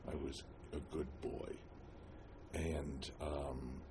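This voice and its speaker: An elderly American man from New Jersey reminisces about his life in an interview, halting often with long pauses and hesitations. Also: very deep voice, little pitch movement, background noise. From New Jersey, United States. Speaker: oral history interviewee. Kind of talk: reminiscing, telling life story.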